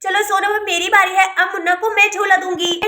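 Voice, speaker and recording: A woman's voice: extremely high pitch, little pitch movement, brisk, pushed and bright, reverberant. A woman voicing a sulky young girl doll in a doll cartoon, talking in a whiny, complaining way.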